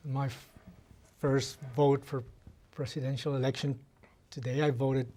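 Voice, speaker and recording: A man from Colombia, a newly elected trustee, answering TV interview questions in a hesitant, halting way. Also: medium pitch, flat delivery, dark tone.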